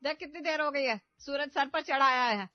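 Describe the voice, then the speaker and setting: A woman voicing a bossy, sharp-tongued middle-aged mother-in-law who scolds loudly and impatiently in a cartoon story. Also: on the high side, moderate pace, no room sound, close to an everyday voice. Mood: scolding. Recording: slightly dull audio with background music.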